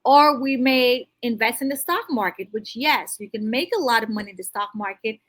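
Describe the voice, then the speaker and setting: Woman coach talking off the cuff, natural and unscripted, kinda high voice, really emphatic and motivational. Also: moderate pace, a bit bright. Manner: natural unscripted talk, restarts mid-thought; emphatic, motivational, addresses listener directly. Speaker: financial coach guest. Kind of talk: conversational interview advice.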